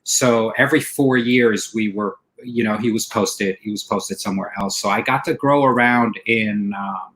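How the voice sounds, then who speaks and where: A man's voice: fairly low pitch, moderate pace, few pauses, fairly bright tone, rough recording. Rambling Middle East-born comedian man. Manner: rambling, repeats himself, says man a lot. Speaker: comedian guest. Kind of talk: casual interview chat.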